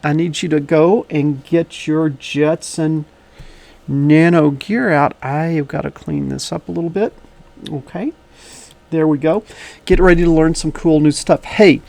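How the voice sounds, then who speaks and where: A man's voice: fairly high pitch, gravelly, mellow, no echo. A man with a slightly wheezy voice hosting a casual tutorial, chatting to viewers in a folksy, direct way. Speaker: online tutorial teacher and host. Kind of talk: casual instructional video lesson.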